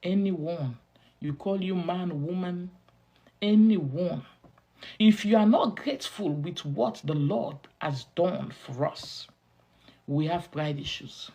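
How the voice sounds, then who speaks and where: A woman delivers a sermon-style teaching in a slow, deliberate rhythm, and her voice has a husky edge. She leans on repetition for emphasis, and her pitch rises and falls widely as she drives each point home. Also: animated, dark tone. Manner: emphatic, repeats key phrases for stress; preaching cadence with drawn-out stressed words. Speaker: women's ministry teacher.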